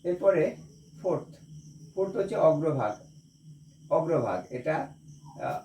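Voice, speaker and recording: A man's voice: on the high side, lively intonation, unhurried, a little mellow, a little hiss or hum. A man teaching a grammar lesson in Bengali who spells each English word letter by letter and then repeats it. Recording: echoey room, voice from a distance.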